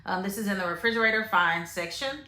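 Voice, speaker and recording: A woman chats casually to camera about grocery finds, tasting the food as she goes and using lots of fillers and restarts. Her mid-range voice is fast, pushed and bright, with a roomy sound.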